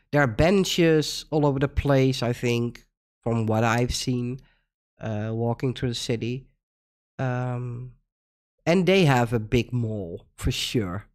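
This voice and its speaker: A woman's voice: extremely low pitch, darkish tone. A Dutch woman hosting a casual reaction video, talking with frequent laughter and incredulous rhetorical questions. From Netherlands. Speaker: reaction channel host.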